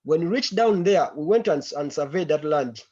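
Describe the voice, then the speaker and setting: A man's voice: a little high, animated, dark tone. Man on a conference call. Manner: halting, repeats words while searching for them. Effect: heard over a conference call. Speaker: meeting member giving a briefing. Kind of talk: briefing a committee meeting. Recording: muffled, lo-fi online call audio.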